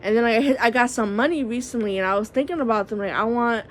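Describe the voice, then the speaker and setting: Late at night at home, a woman talks into her phone camera for a casual vlog, rambling candidly, saying "like" a lot and swearing freely. Her voice is fairly high and quick, with slight background noise.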